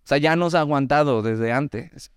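A Mexican man with a Mexican Spanish accent preaching a sermon, teaching through a Bible passage in a conversational way with lively asides and slow readings of scripture. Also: on the high side, clean tone, dry recording, studio quality. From Mexico, Veracruz. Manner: conversational, animated asides, reads scripture slowly.

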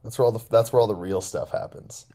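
A co-host on a casual online community call, excitable and quick to laugh, sitting with friends. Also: medium pitch. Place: room shared with friends.

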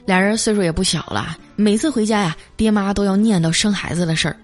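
A woman's voice: mid-range voice, quick pace, soft background music. A woman streamer telling comic stories in a chatty way, drawing out her sentence particles. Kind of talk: comic storytelling.

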